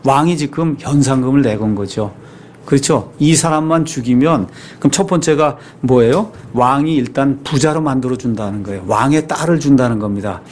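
A man's voice: medium pitch, moderate pace, a little mellow, slight background noise. A man, a pastor, preaching a sermon in a conversational way, often asking his listeners rhetorical questions.

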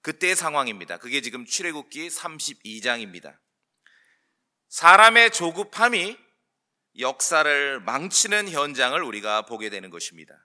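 A man preaching a sermon, emphatic, addressing the congregation with questions and slowing on key words. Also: on the high side, big pitch swings, pushed and bright. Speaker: pastor.

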